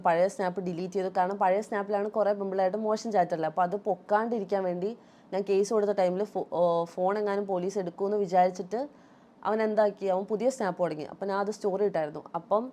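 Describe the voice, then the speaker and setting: Malayali woman vlogger, aggrieved and emphatic, mid-pitched, telling her own story. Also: steady tone, quick pace, mellow. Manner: aggrieved, emphatic, talks straight at viewers. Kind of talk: casual storytelling to viewers.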